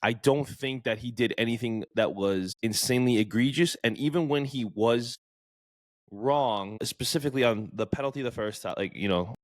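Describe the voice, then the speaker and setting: A man's voice: medium pitch, moderate pace, no room sound. A man co-hosting a casual sports podcast, talking enthusiastically in a loose, filler-heavy way. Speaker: podcast co-host.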